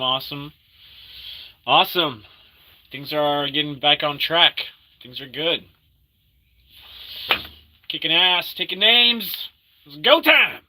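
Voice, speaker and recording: A man with an American accent and a very bright, forceful voice at an average pitch. He chats casually to livestream viewers in laid-back, upbeat slang, often saying the same short phrase several times in a row. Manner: repeats short catchphrases over and over. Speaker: livestream host.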